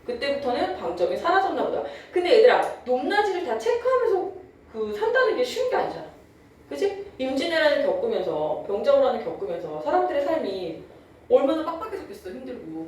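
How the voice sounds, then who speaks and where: A woman's voice: high-pitched, a little mellow, very echoey, distant mic, a little hiss or hum, poor audio. A young adult woman teacher giving a classroom lecture, chatty and often checking in with her students. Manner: drawls out words when demonstrating old pronunciation. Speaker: Korean language teacher.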